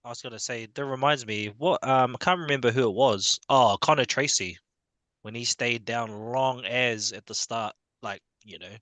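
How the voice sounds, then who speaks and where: A man's voice: mid-range voice, normal speed, pushed and bright, no echo. A man with a New Zealand accent chatting casually as a panellist on a fan podcast. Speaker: rugby league podcast panellist.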